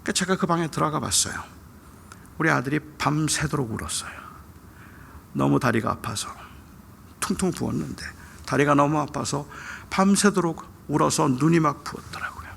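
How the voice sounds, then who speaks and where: A middle-aged male pastor preaching at a dawn church service, telling a personal story. He swings from loud outbursts to hushed whispers. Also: a little high, normal speed, gravelly, a little hiss or hum. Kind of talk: sermon.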